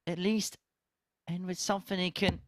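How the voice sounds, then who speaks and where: A man's voice: sits high, little pitch movement, normal speed, fairly bright tone, no echo. A man from southern England with a southern English accent, giving casual live darts commentary and chatting with a colleague.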